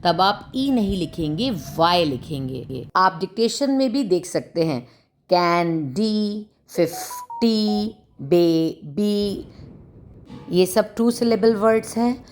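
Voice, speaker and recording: A woman teaching a phonics lesson, slowly spelling out sounds and repeating example words. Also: mid-range voice, expressive, soft background music. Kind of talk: phonics lesson narration in Hindi with English.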